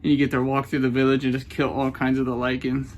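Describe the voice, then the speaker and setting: A man's voice: medium pitch, monotone, quick pace, a little hiss or hum. A man in his twenties giving a casual, rambling game review, swearing often and apologizing when he loses his train of thought. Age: 20s. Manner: rambling, profane, self-conscious.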